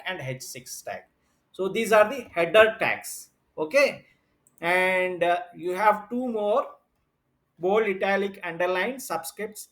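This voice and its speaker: A man's voice: sits high, fairly bright tone. A man teaching an online computer class, explaining step by step with frequent fillers and repetition. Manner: explains step by step, repeats himself, many fillers.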